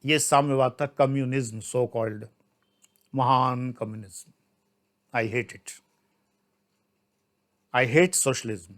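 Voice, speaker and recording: An older man from India teaching an online exam-prep class, lecturing emphatically and scolding, with loud outbursts and low asides. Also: steady tone, drawn-out words, long pauses. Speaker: civil services exam teacher.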